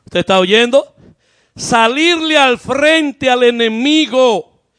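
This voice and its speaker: Male pastor, Caribbean Spanish accent, very high voice, slow deliberate delivery, shouted fervent preaching. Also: no room sound, studio quality. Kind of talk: sermon.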